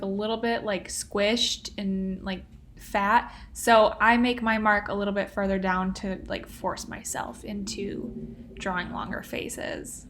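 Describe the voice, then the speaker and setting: A woman's voice: medium pitch, fairly bright tone. A young woman hosting a casual step-by-step drawing lesson, chatty and playful, with lots of "like" and "um". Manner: chatty and playful, many fillers like "like" and "um". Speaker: drawing tutorial host.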